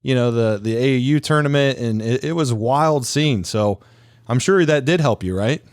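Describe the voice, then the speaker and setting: A man's voice: medium pitch, moderate pace, no room sound. A man hosting a podcast, asking long, rambling questions in a casual, chatty way. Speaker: podcast host.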